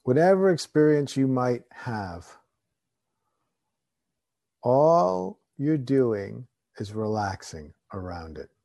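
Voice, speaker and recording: A man guiding a meditation in a slow, calm, soothing way, with long pauses between phrases. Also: medium pitch, vocal fry, dry recording, clean studio sound. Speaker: meditation teacher. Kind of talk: guided meditation.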